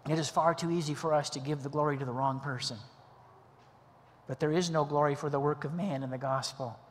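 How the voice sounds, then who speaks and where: A middle-aged pastor delivers a storytelling sermon, voicing the people in his story with animated flair. His voice sits high for a man, and the sound hangs in a long reverb through the church hall. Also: a little fast. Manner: animated storyteller, acting out quoted dialogue. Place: church sanctuary.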